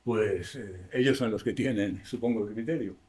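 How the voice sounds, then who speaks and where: A man's voice: on the low side, normal speed, a little mellow. A man with a Spanish accent giving a university lecture in a classroom, explaining step by step, asking the class questions and correcting himself as he goes.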